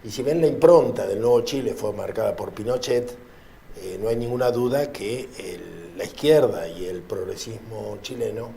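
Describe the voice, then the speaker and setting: Gravelly, low-voiced commentator. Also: male voice, mellow, a little hiss or hum. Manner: measured, hesitant with "este" and repeated words. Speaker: interview guest, political commentator. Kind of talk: interview by phone or studio, reflective commentary.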